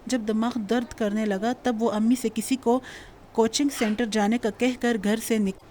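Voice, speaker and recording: A woman narrating a romance novel audiobook in an even, measured reading. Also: on the high side, slight background noise.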